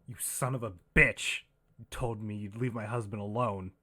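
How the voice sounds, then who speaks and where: A man's voice: low voice, extremely slow, slightly rough, full character voice. A man voicing a frantic, drugged woman with a knife, screaming and then hissing through gritted teeth. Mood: screaming rage.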